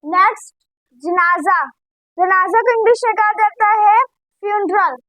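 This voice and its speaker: Very high-voiced, slow drilling teacher woman. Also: a bit bright, dry recording, low-quality recording. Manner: repeats each word slowly, drilling pronunciation. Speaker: English vocabulary teacher. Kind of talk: vocabulary drill lesson.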